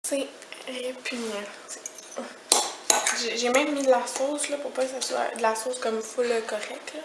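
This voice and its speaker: A woman's voice: a little high, fairly even intonation, unhurried, gravelly, heavy background noise. A young woman with a Quebec French accent chatting casually in a home vlog, rambling and complaining with disgust. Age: young adult. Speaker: vlogger.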